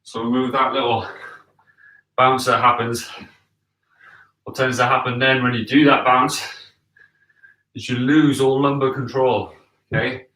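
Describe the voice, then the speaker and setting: Male fitness instructor, thirties, casual and encouraging explainer with a bright voice, slightly distant in a roomy space. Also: medium pitch, flat delivery, a little slow, long pauses. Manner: encouraging, checks in with "okay?" and "all right?". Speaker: fitness coach leading a home workout. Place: living room with wooden floor, indoors. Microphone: camera a few metres away. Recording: echoey room, distant from the mic.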